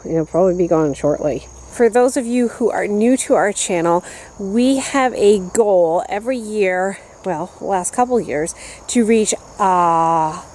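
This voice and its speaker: With crickets and insects audible, this upbeat gardening vlogger from upstate New York, in her thirties, casually tours her backyard vegetable garden on a handheld camera at arm's length. She chats while walking and pointing at plants, her medium-pitched voice mellow. The recording quality is low.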